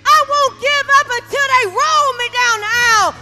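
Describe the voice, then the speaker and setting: A woman in her forties preaching a sermon. She delivers it with passion and leads the congregation in call and response, often building up to shouts. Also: very high-pitched, normal speed, long reverb tail. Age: 40s.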